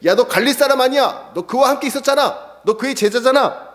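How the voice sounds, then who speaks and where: A man's voice: high voice, lively intonation, slow pace, darkish tone, pitched above the performer's own voice. A man voicing a scornful bystander who mocks and accuses a disciple in a sermon retelling. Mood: jeering. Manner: mocking, jeering. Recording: echoey church hall.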